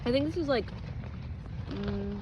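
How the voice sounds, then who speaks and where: A woman's voice: mid-range voice, expressive, measured pace. Woman vlogging out in the wind. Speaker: camping vlogger. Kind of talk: casual vlog chat. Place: windy campsite, partly in a tent. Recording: wind noise on the microphone.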